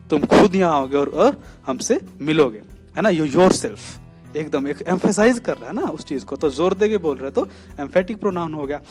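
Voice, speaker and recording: A man teaching English grammar in Hindi mixed with English. He keeps checking that students follow and reads the example sentences slowly, stressing each word. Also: fairly high pitch. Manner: explains slowly and often checks "theek hai na?".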